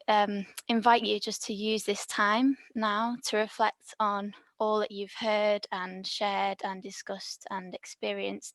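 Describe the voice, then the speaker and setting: A woman from the Liverpool area leading a calm, prepared reflection on a video call. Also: medium pitch, vocal fry, no echo. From Liverpool area, England.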